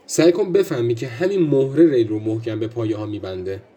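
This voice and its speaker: A man's voice: mid-range voice, mellow, lightly acted. A man playing a stern scolding judge. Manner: scolding, interrogating. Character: stern, exasperated male district judge. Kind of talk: radio drama acting.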